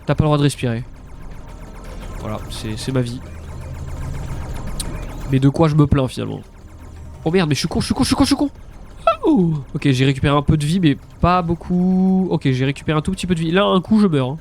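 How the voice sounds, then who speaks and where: A young man with a blocked, congested nose chats hesitantly while streaming a game, repeating words and swearing mildly. His voice is on the high side, animated and a little mellow, a bit fast with frequent pauses, over soft background music.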